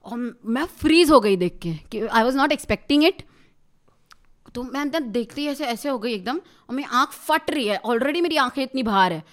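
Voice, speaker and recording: Young woman rapper on a podcast, kinda high voice, laughs a lot telling her story. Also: unhurried. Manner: animated, laughs often, mixes Hindi and English. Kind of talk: casual storytelling chat.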